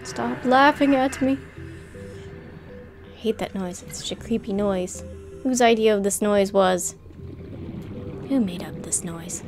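A woman's voice: mid-range voice, unhurried, long pauses, soft background music. A woman casually commentating her gameplay, chatty and playful, talking to herself and to the game. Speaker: gameplay streamer. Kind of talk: casual let's-play commentary.

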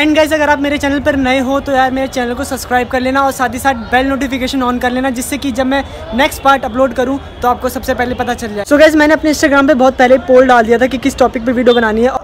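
A young man talking straight to his viewers in a casual vlog, filmed on a phone held at arm's length at an outdoor street market. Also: very high voice. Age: young adult. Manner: chatty, addresses viewers directly. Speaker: vlogger. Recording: loud crowd and music around.

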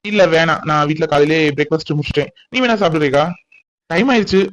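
A man plays an easygoing young college man in a cartoon, talking quickly. He explains things in a casual, friendly way. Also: fairly high pitch, close to an everyday voice. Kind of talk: cartoon voice acting.

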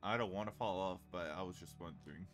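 A man's voice: low voice, fast talker, soft background music. A young man chatting casually as he streams a game. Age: young adult. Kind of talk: casual gaming chat.

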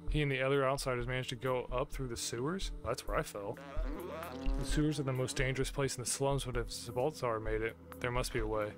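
Male gaming host for a let's play, medium-pitched, reading on-screen dialogue over prominent music. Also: fairly even intonation, brisk.

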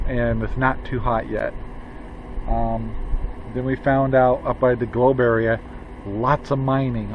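A man's voice: mid-range voice, a little hiss or hum. Fifties guy chatting on his rv trip, kinda dull sound, faint humming behind him. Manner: relaxed, rambling, with many fillers. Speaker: RV travel vlogger. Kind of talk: casual travel vlog chat. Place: in a pickup truck, then outdoors beside an RV.

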